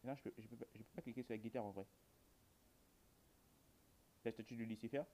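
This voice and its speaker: This man has a medium-pitched, dark voice with fairly even intonation and a fairly quick pace, plus a slight hiss or hum on the recording. He's a gamer hosting a video, rambling to viewers about a horror game in colloquial language and cracking dry jokes.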